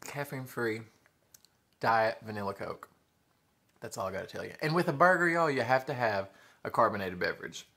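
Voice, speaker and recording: A thirty-something Southern US mukbang vlogger speaks at medium pitch, animated and fairly quick, with vocal fry and frequent pauses; his tone is bright and forceful. He chats to viewers between bites, calling them y'all and chewing between remarks. The camera is in front at table distance in a living room with a sofa and window blinds.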